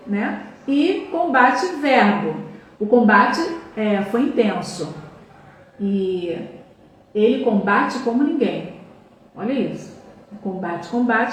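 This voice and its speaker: A woman teaching a spoken Portuguese grammar lesson with a Brazilian accent, checking in with frequent tags and slowly repeating word pairs. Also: a little high, distant mic. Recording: very echoey room, voice off-mic.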